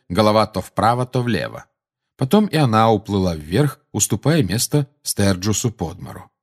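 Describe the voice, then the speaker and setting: A man narrating an audiobook in a measured storytelling manner. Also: on the low side. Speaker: audiobook reader. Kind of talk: scripted narration.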